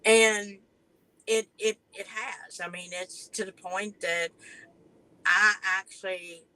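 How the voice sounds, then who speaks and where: A woman's voice: lowish voice, pushed and bright, rough recording. A woman with an Appalachian accent talking casually and earnestly on a panel, in a folksy way that repeats words for emphasis.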